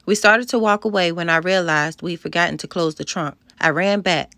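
A woman's voice: on the low side, a little fast, sharp tone, dry recording. A woman narrating a first-person storybook, reading expressively and voicing the dialogue. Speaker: audiobook narrator.

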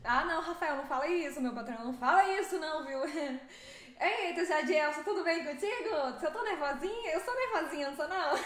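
Very high-voiced, fast-talking Brazilian woman. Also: roomy sound. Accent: Brazilian Portuguese. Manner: lively, fast-talking, laughs often. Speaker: game streamer. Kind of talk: live stream chat with viewers.

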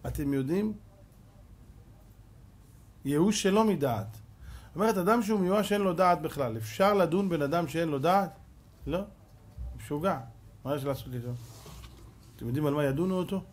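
A man, a rabbi, giving a sermon and firing rhetorical questions at his audience, dropping to a hush and then rising to shouts. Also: a little high, pauses often. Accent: Israeli Hebrew. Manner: dramatic swings from hushed to shouting.

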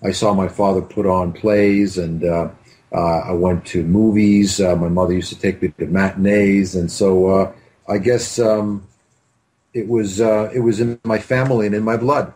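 Over a computer mic on a video call, a Canadian film director reminisces in a hesitant, rambling interview from a home room lined with bookshelves. His voice is deep and mellow, with little pitch movement, at normal speed.

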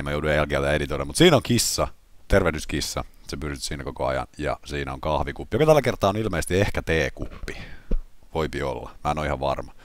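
A man hosts a casual gaming vlog in a voice left hoarse by illness, pitched very deep. He chats along with filler words and jokes at his own expense. The sound is dry and close, with no room echo. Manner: self-mocking, chatty with filler words. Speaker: gaming channel host.

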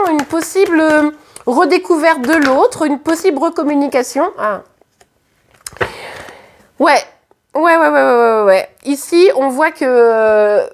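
At a reading table at home, a French-accented woman with a high, slightly hoarse voice does a casual tarot reading to camera. She's chatty and hesitant, often pausing to fill gaps or restart, and there's a little hiss or hum.

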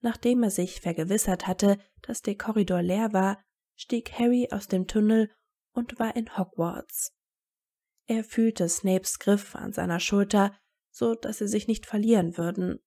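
A woman reads a story aloud in steady narration. Her voice sits in the middle range. A gravelly fry colours it throughout. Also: mid-range voice, a little slow. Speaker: fan fiction reader.

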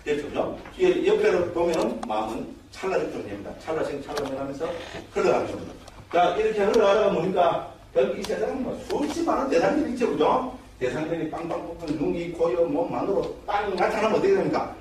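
A man teaching as a Buddhist monk, his voice sitting a little high for a man. He lectures in a lively way and keeps asking his listeners quick questions. The sound comes from a mic set well back in a very echoey hall. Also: recorded from a distance, slight background noise. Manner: lively, checks in constantly with rhetorical questions. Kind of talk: dharma lecture. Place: temple education hall.

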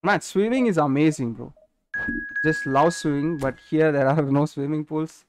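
Slight background noise sits behind this nineteen-year-old gaming streamer, whose Indian English-accented voice is a little high and moves at a moderate pace. While streaming a football game, he casually chats, reading viewer messages aloud and responding directly to their questions.

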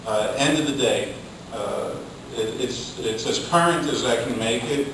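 Speaking as a panelist, the middle-aged union communicator gives a careful, hesitant answer in a medium-pitched voice. The clip was recorded from the audience of a hotel conference ballroom by a far-off camera picking up room sound, leaving it distant, heavily echoed and slightly noisy.

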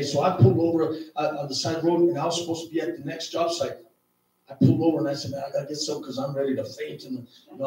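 A man preaching a sermon, telling a personal story in a loose, conversational way full of "man" and "you know", sometimes shouting. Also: a little high. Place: church hall. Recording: echoey church hall, distant mic.

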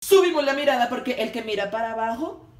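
A man's voice: very high-pitched, animated, fast talker. A young Colombian man with a Colombian accent giving a comic, over-the-top tour of a house as a vlogger. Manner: mock-grand tour guide, jokey and over-the-top. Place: house interior. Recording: roomy room with loud background music.

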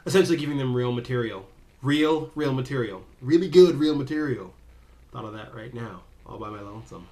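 A young man records a casual personal vlog, talking straight to the camera. He rambles, stumbles over his words and cracks small jokes at his own expense. His voice sits at an ordinary middle pitch. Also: animated, fairly quick, dark tone. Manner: rambling, self-interrupting, jokey. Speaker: vlogger.

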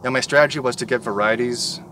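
A young man, a first-year farmer, talking casually in his backyard garden while being interviewed, pausing often with fillers as he thinks. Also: medium pitch, background noise. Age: young adult. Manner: relaxed, thinking aloud with many fillers. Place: backyard vegetable garden outdoors.

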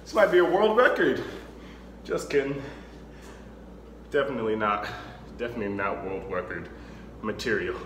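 A man's voice: on the low side, bright, forceful tone. A young man doing push-ups in a casual workout vlog, counting reps and urging himself on, strained and tired. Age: young adult. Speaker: fitness vlogger. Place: concrete-floored garage or basement gym. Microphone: camera on floor a few metres away. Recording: echoey hard-walled room, background furnace noise.

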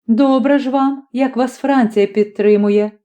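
A woman voicing a grumbling former magistrate, a middle-aged man telling his story in a lively, folksy way. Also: a little high, a little slow, lightly acted. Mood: needling.

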